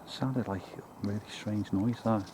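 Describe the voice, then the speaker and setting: Liverpool man, paranormal investigator, low voice, hushed and uneasy, night woods, camera mic, faint noise. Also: steady tone, a little slow. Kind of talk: calling out to spirits, talking to camera. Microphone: handheld camera.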